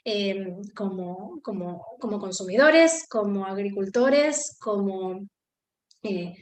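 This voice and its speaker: A woman's voice: mid-range voice, lively intonation, slow. Argentine woman teaching a class, keeps saying eh and restarting, kinda echoey room. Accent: Argentine Spanish. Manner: thinking aloud, many fillers and restarts. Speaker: lecturer. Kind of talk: online class lecture.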